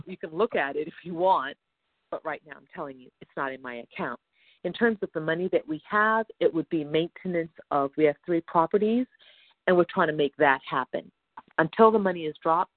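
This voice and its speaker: A woman's voice: sits low, no echo. A woman on a phone call, talking anxiously in long, rambling stretches. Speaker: caller seeking advice. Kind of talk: phone conversation. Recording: tinny phone line, dry.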